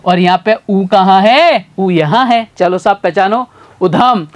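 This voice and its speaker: A man's voice: sits high, animated, takes it slowly. Folksy male teacher sounding out syllables. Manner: folksy, repetitive call-and-response questioning; addresses learners as brother and sir. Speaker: adult literacy teacher. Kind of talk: video literacy lesson.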